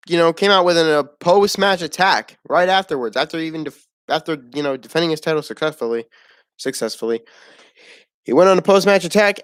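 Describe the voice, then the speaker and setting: A man's voice: on the high side, fairly bright tone, clean tone, dry recording. Blunt rambling man with a dry close mic. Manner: rambling, blunt, swears often, laughs at the show. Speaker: wrestling show reviewer. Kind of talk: casual opinionated review.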